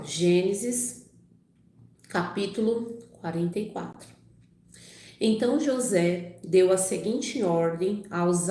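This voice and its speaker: A warm, medium-pitched female voice carries some reverb. She runs a live channel, mixing Bible reading aloud with casual chat and frequent "né" and "tá bom" tags. A lingering cold makes her voice sound slightly off.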